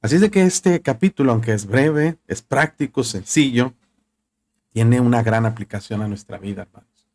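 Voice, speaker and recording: A man's voice: medium pitch, normal speed, darkish tone. A male pastor preaching a sermon in a conversational style, with rhetorical questions and asides to the congregation.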